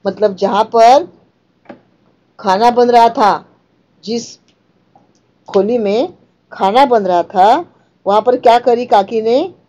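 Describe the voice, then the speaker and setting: A woman's voice: a little high, slow, long pauses, mellow, muffled recording. A woman teacher reading out a story and explaining each line in simpler words.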